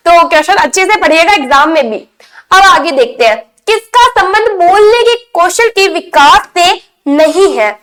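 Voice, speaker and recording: A woman's voice: very high-pitched, lively intonation, normal speed, a bit bright. A woman teaching an online exam-prep lesson, asking her class questions and then answering them, often repeating the key point.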